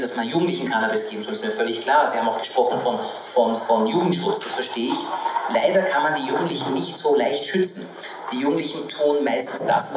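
Fast-talking man on a panel stage. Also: medium pitch. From Iran. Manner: fast, emphatic, explanatory. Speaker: physician in a panel discussion. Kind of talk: public panel debate. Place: small stage with live audience. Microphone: handheld mic. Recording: echoey room, mic heard from a distance, audience noise.

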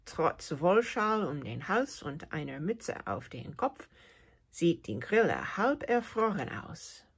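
A woman whose first language is English, reading a children's picture book aloud with expressive storytelling. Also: lowish voice, slow, slightly rough. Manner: expressive storytelling, with sound effects. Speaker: reader.

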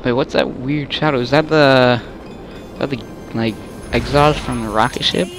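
A man's voice: mid-range voice, moderate pace, music in the background. A young man giving casual, rambling commentary while playing a video game, often stopping mid-sentence to react. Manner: rambling, self-interrupting, easily exasperated. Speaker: gamer.

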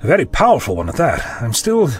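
An eccentric, wordy male time traveller acted by a man from a sci-fi audio drama. His fairly high voice swings expressively and is theatrical and courteous. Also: huge pitch swings, fast. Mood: calm, confident. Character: eccentric male time-travelling Doctor, polite and stubbornly confident.

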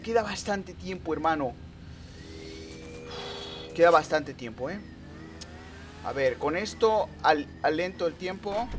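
A man streaming live gameplay commentary, excitable, muttering one moment and shouting the next. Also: high voice. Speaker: gaming streamer.

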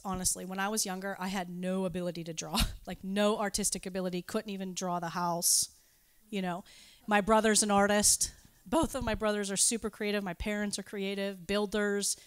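With a mid-range, clear and resonant voice and no echo, a woman preaches at a church gathering. Her sermon is informal and full of personal anecdotes, delivered in a conversational, self-deprecating, giggly way.

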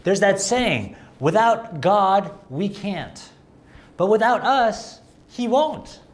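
A man preaching a sermon in a conversational way, mixing emphatic rising lines with self-deprecating humor. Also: slow pace. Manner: animated, rising emphatic pitch.

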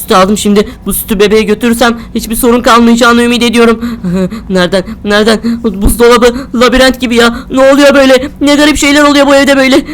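A woman's voice: fairly high pitch, fairly even intonation, quick pace, hardly any pauses, a little hiss or hum. Jumpy woman gaming. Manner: jumpy, exclaiming, talking to herself. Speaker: game streamer. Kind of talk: horror game commentary.

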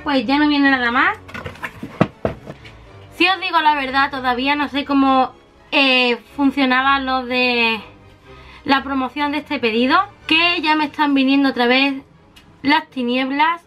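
In this makeup haul, a beauty vlogger with a high voice chats warmly with her viewers, using plenty of cute diminutives as she presents each item. Faint music sits softly behind her.

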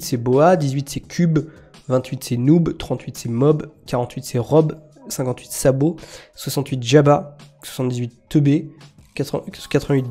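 A man's voice: mid-range voice, dark tone, slightly rough. A man teaching on a live stream, thinking aloud with many fillers and restarts and answering his chat. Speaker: memory sports streamer.

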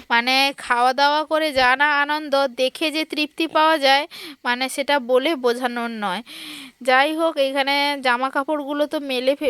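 A woman vlogging her household day in a gentle, chatty way, talking straight to her viewers while she works at home. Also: high-pitched, clean tone, no room sound. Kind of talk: casual devotional home vlog narration. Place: home kitchen.

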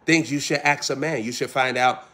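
A man's voice: medium pitch, steady tone, normal speed, bright, forceful tone. A man a sermon, driving his points with rhythmic repeated phrases and pointed questions. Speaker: preacher.

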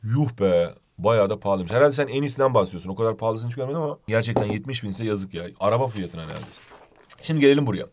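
A man teaching an exam-prep English lesson, jokey and animated, explaining each phrase in two languages. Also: on the low side, rapid-fire, slight background noise.

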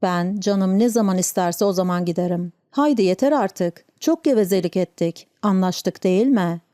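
A woman's voice: medium pitch, normal speed, dark tone, no room sound, clean studio sound, close to an everyday voice. A woman voicing a stern, wounded Breton housekeeper who gives firm orders. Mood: commanding. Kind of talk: audiobook character reading.

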